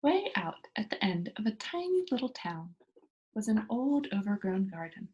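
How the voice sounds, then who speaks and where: A woman teacher reads a children's book aloud to young pupils, explaining it as she goes with expressive storytelling. Her pitch is medium and her pace moderate, and the audio sounds dull.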